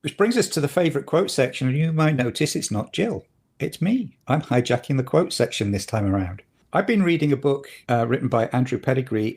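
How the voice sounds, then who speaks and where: Husky-voiced man co-hosting a podcast. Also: mid-range voice. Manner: opinionated, animated when annoyed. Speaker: podcast co-host. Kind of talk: casual chat.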